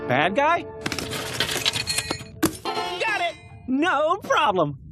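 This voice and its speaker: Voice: high voice, wildly swooping pitch, very slow, exaggerated voice. A performer voicing a naive, chipper little cartoon alien with an eager, folksy manner. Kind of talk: animated cartoon acting. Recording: prominent music behind the dialogue.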